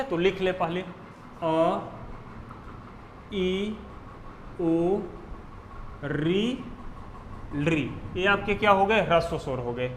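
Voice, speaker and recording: Man, teacher, exam lecture, asks and answers his own questions, roomy echo, faint hum behind. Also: high-pitched. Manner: drills terms with questions and answers to students; spells out Sanskrit definitions slowly word by word.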